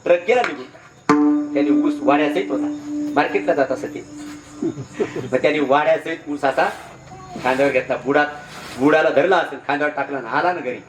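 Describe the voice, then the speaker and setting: A man delivers a devotional sermon as a lively storyteller. His voice sits a little high and rings around an echoey venue. He slips into the voices of the people in his tale. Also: a little fast, pauses often, music in the background. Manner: animated storytelling, acting out characters' voices. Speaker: kirtan preacher.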